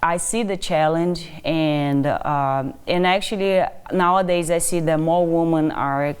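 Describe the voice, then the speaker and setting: A woman from Brazil speaks with a Brazilian Portuguese accent, her voice smooth and clear, sitting somewhat low. She explains her work in a measured way, often pausing on "um" and "so". She sounds like a professor in her thirties answering an interview. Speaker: assistant professor, guest.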